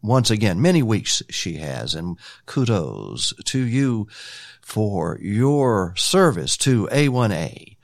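Folksy, lively radio host man. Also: fairly low pitch, slow, gravelly, no room sound, clean studio sound. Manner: rambling, folksy announcer delivery with restarts. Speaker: radio countdown show host. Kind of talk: casual radio chat.

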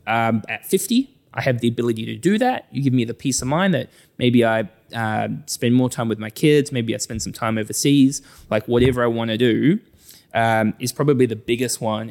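This medium-pitched man speaks with a New Zealand accent as a financial adviser in a conversational interview. To illustrate his points, he often slips into the voices of imagined clients.

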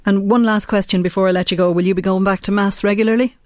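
A woman's voice: mid-range voice, steady tone, fast talker, darkish tone, no room sound. A woman with a west of Ireland accent hosting a conversational interview on the radio. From Galway, west of Ireland. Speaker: radio show host.

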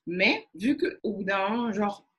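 A young woman from France with a French accent, explaining her view in a measured way in a casual discussion. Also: mid-range voice, expressive, a bit bright. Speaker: panel discussant.

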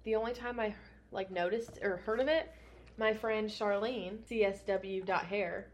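A young woman who works as a hairstylist, talking casually on a podcast. She rambles a little, speaks bluntly and swears freely. Her pitch sits at a typical middle level for a woman. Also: fairly even intonation, unhurried, slight background noise. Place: United States.

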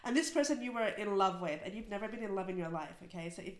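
Woman co-host, emphatic, laughs a lot, mid pitch, roomy echo on the mic. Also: fast talker. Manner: animated, laughs often, emphatic. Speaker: podcast co-host. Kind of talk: casual chat.

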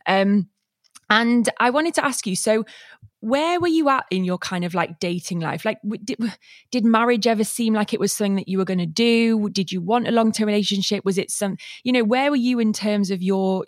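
A woman's voice: medium pitch, normal speed, no room sound, clean studio sound. A woman hosting a podcast, interviewing in an informal, conversational way and rephrasing her questions as she goes. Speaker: podcast host.

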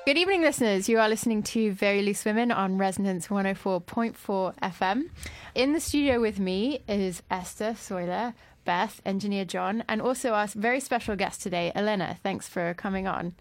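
A woman hosting a casual radio chat show in a studio, chatty and quick to laugh. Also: mid-range voice, dry recording, faint music behind.

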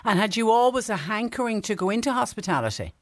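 A man's voice: sits high, sing-song, fast, no room sound, studio quality. A man with a southern Irish accent touched by Cork, hosting a conversational radio interview. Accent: southern Irish, with some Cork. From Clonmel, County Tipperary, Ireland.

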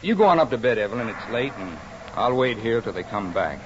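A bitter, moody painter husband, brusque and quick to turn from eager to curt. His pitch rises and falls widely in this 1940s radio play. The broadcast sounds dull, with faint hiss behind it. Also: very animated.

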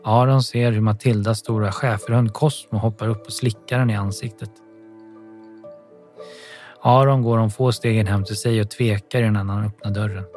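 A man narrating an audiobook in a calm, even storytelling manner. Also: lowish voice.

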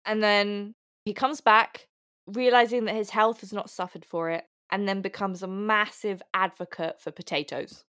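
A woman talking casually on a podcast, giggling as she explains what she has read. Her pitch sits in an ordinary middle range, and she stumbles and restarts now and then. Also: fairly even intonation, moderate pace, fairly bright tone. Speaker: podcast co-host presenting research.

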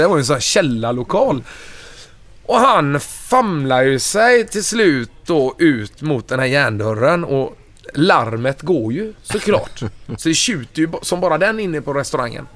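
A middle-aged man with a somewhat high speaking voice, a touring musician as guest, telling road stories in a loose, animated chat. He carries the story along with lively energy, jumping up when he acts out what people said. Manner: animated, acts out quoted lines in a raised voice. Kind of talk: casual anecdotal storytelling.

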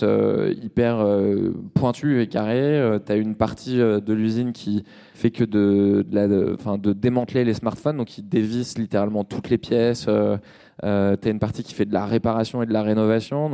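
Speaking at a normal speed, this man has a fairly low, dark, creaky voice with a steady tone, and the audio has a big-room sound. He's a startup co-founder from Nantes, France, in his thirties, talking informally on a podcast interview with hesitant, slang-heavy phrasing and many trailing tags.

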